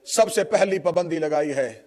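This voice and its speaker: A man's voice: fairly high pitch, lively intonation, a little mellow, soft background music. A man from Pakistan with a Pakistani Urdu accent, giving a mourning sermon in an impassioned style that rises into a tearful, chanting wail. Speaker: preacher.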